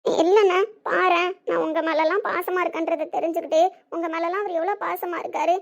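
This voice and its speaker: A woman's voice: very high-pitched, fairly even intonation, a little fast, creaky. A woman playing a tearful young wife who earnestly pleads for her husband in a family skit. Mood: earnest pleading. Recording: dull lo-fi recording.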